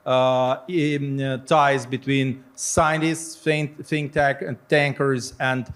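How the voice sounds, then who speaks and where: A man answering as a panelist, listing his points deliberately between fillers. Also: medium pitch, flat delivery, a bit bright.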